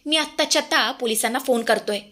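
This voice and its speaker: Brief: woman reading an outraged young husband, bright and high. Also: quick pace. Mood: angry shock. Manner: pleading, indignant. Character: angry, shocked young husband.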